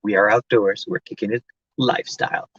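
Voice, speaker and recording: A man's voice: lowish voice, steady tone, a little fast, a bit bright, slightly rough, no echo, highs cut off. A man from Lebanon hosting a casual tech live stream from inside a parked car, rambling and chatty with lots of fillers as he answers viewer comments.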